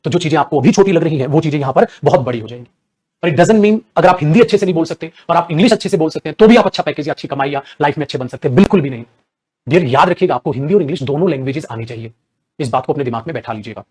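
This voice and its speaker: A man with an Indian accent teaching spoken English in a lively classroom lecture that switches between Hindi and English and acts out examples. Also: on the high side, racing, husky. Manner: animated, acts out examples, addresses students as dear and beta.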